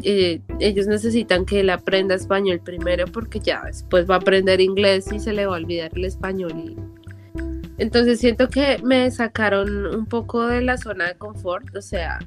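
A young woman hosting a casual podcast chat, talking freely, agreeing often and laughing easily. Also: mid-range voice.

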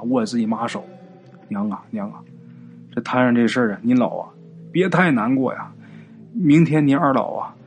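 A man's voice: mid-range voice, close to an everyday voice. A man playing a grieving rural father who speaks in urgent, emotional bursts.

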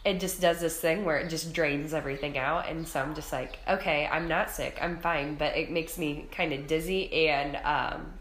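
Low-pitched Midwestern American woman podcasting. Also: steady tone, moderate pace, hardly any pauses, a bit bright, a little hiss or hum. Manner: informal, chatty. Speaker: podcast co-host. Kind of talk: casual podcast chat. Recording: echoey room sound, music behind intro.

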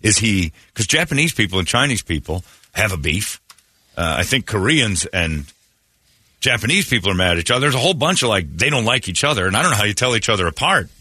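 A man's voice: on the low side, sing-song, fast talker, bright, forceful tone, husky, no echo. A man hosting a radio talk show, giving blunt, opinionated rants in casual studio chat.

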